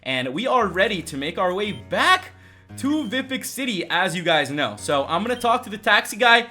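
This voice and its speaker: A man's voice: high voice, very animated, normal speed, sharp tone. A young man from El Salvador giving upbeat, chatty gameplay commentary, talking straight to his viewers. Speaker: let's play host. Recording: music playing behind the voice.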